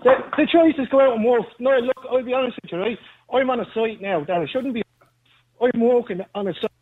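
A man's voice: very high-pitched, fairly quick. A man calling in to a radio show from a building site, arguing defiantly and talking over the host, his phone line buzzing and breaking up. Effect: buzzy phone line that keeps breaking up. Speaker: caller. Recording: tinny glitchy phone line.

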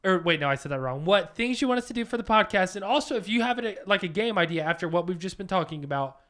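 His voice sits high and a little bright, quick in pace with lively intonation. He's a podcast co-host chatting casually with his partner, rambling and joking about himself.

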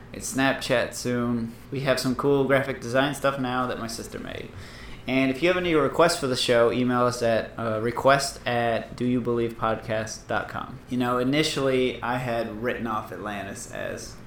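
A man's voice: medium pitch, reverberant, a little hiss or hum. A man co-hosting a casual podcast, rambling and joking with a whiny voice and lots of fillers. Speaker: podcast co-host.

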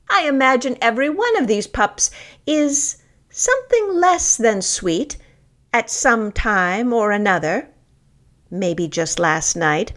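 A woman reading a scripted personal essay in a deliberate, expressive storytelling manner with pauses. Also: mid-range voice.

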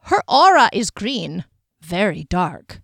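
Woman voicing a male diviner, nasal, hissing esses, slow drawn-out prophecies, patronizing, dry close recording. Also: mid-range voice, very animated, creaky, fairly bright tone, no echo, exaggerated voice. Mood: ominous. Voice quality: nasal, sibilant. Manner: slow, drawn-out, knowing pronouncements.

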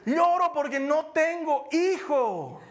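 A man's voice: very high voice, lively intonation, voice pushed up, full character voice. A male preacher voicing a grieving childless wife who speaks in short, broken phrases, raising his voice well above his own. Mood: tearful. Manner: halting, simple broken phrases.

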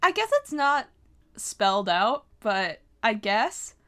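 A woman co-hosting a podcast, talking in an easygoing, chatty way. Her voice is smooth and clear at a middle pitch. She rambles loosely through her recaps. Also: slow pace. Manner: chatty, animated, trails off with "something, something". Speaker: podcast co-host. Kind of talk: casual chat recapping a TV episode.

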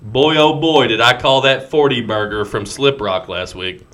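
A man's voice: medium pitch, normal speed, fairly bright tone. A man co-hosting a casual sports podcast, joking, laughing often and reading out a friend's picks. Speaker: podcast co-host.

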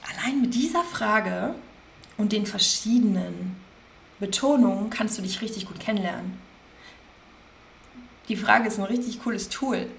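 A woman hosting a podcast, gently guiding listeners through self-reflection, slowly repeating questions and stressing single words. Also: medium pitch, creaky, slight background noise. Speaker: podcast host, coach. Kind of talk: guided self-reflection talk.

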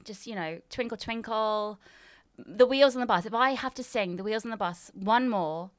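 A young woman plays up a vain showbiz persona in a comedy podcast chat. Her voice sits at an ordinary middle pitch, and the sound is close and dry. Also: moderate pace, no echo. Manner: self-important, theatrical showbiz boasting. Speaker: co-host. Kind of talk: improvised comedy chat in character.

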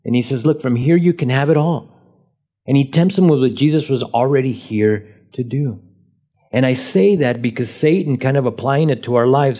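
Mellow-voiced preaching pastor, emphatic. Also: male voice, medium pitch. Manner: emphatic, stresses key words and asks rhetorical questions. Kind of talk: sermon.

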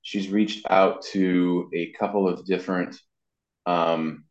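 He talks slowly in a low, steady voice, a guest in a casual, rambling interview recalling anecdotes from his work. He is a voice actor and web designer. The recording has a roomy, dull, lo-fi quality.

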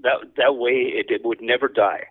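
A man chatting casually as an interview guest, a cowboy poet with a halting, rambling, folksy storytelling manner. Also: medium pitch, steady tone. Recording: thin band-limited radio or phone-like sound.

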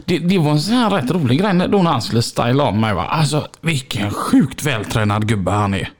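A man co-hosting a podcast, chatting casually and telling animated anecdotes with frequent laughter. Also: mid-range voice. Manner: animated storyteller, laughs often. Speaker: podcast co-host.

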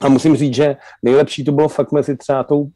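Young dude on a podcast, warm dark tone, dry close sound, swears a lot. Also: male voice, medium pitch, no echo, poor audio. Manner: excited, profane storytelling. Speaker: podcast co-host. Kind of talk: casual chat.

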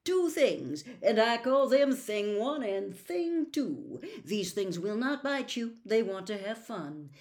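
A mischievous storybook cat, coaxing and showy, drawing his words out slowly, as a woman reading aloud plays him. His sly voice rises and dips in lively turns. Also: a little high. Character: playful mischievous cat in a hat, male.

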